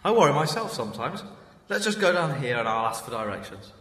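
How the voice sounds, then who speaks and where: A man's voice: mid-range voice, sing-song, fairly quick, lightly acted. An actor playing the Doctor, an eccentric male time traveller with a whimsical, exclamatory manner. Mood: wry. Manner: whimsical, exclamatory, British phrasing. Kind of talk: fan audio drama acting.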